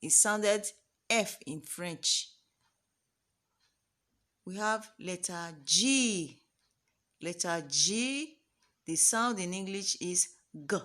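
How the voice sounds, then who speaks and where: Slow, bright-voiced woman teaching letters. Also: fairly low pitch, lively intonation. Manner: drawn-out, emphatic repetition of letter sounds, calls for the class to repeat. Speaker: French teacher. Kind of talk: slow classroom-style lesson for children.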